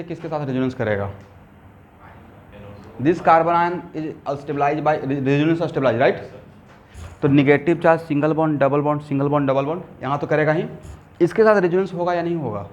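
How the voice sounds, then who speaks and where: A man's voice: a little high, muffled recording. A man teaching chemistry to a class. He asks the students questions and answers them himself, and he mixes English technical terms into his speech. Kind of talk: classroom lecture. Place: classroom with students, also streamed online.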